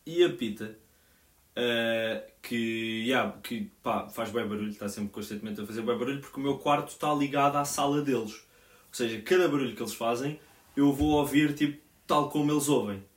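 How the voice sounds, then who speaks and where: A man's voice: mid-range voice, normal speed. Slangy young Portuguese man, roomy sound. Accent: European Portuguese. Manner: slangy, rambling storytelling with many fillers. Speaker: podcast co-host. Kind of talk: casual chat. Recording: roomy echo.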